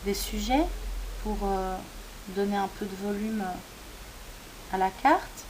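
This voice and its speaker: A woman hosting a crafting tutorial, explaining each step as she works, often pausing with hesitant fillers. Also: mid-range voice, rough recording. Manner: hesitant, frequent "euh" fillers while working. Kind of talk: step-by-step demonstration. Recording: steady tape-like hiss.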